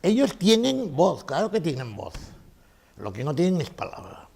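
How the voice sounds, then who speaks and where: A man's voice: fairly high pitch, huge pitch swings, normal speed, gravelly, a little mellow, breathy edge. A man giving a conference lecture, emphatic, repeating his key phrases and asking rhetorical questions.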